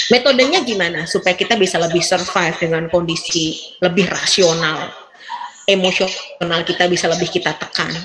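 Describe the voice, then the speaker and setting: A middle-aged woman psychiatrist giving a lively, animated motivational talk, acting out quoted voices and laughing often. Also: lowish voice, low-quality recording.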